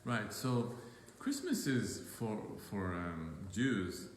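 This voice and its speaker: A man from Israel, co-hosting a faith chat in a halting way with many fillers. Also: fairly low pitch, big pitch swings. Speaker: ministry co-host. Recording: echoey room, faint ambient noise.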